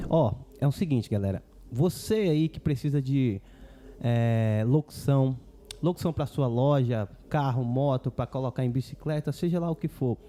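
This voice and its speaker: A man's voice: medium pitch, noisy background. A man hosting a podcast, talking in a loose, chatty, slangy way. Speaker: podcast host and voice-over artist.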